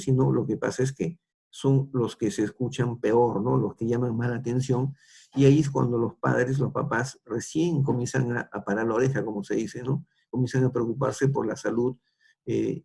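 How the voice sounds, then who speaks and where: A man's voice: medium pitch, steady tone, moderate pace, creaky, mellow, breathy edge. A middle-aged man with a Peruvian accent, lecturing students and tagging nearly every phrase with a question, with frequent restarts. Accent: Peruvian Spanish. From Peru.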